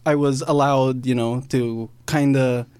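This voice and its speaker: A man's voice: medium pitch, fairly even intonation, a little slow, darkish tone, clear, resonant tone, no echo. A man from the Philippines, a filmmaker, talking as a guest in a friendly and open way about growing up. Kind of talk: casual interview chat.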